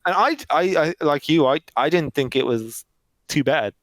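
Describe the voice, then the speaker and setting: A man co-hosting a casual film review podcast, animated and opinionated, often laughing. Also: fairly high pitch, normal speed, no echo, rough recording. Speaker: podcast co-host.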